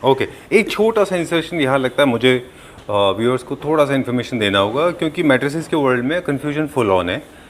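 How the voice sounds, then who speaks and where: A man's voice: mid-range voice, lively intonation, a little fast. A man with an Indian accent casually hosting a product video and guiding the conversation. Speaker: host interviewing a seller. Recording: clearly noisy background.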